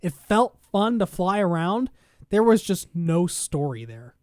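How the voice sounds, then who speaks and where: A man's voice: sits high, big pitch swings, measured pace, a little mellow, no echo, studio quality. A man co-hosting a gaming news podcast, reading articles aloud and then riffing on them with sarcastic asides in casual chat. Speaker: podcast co-host.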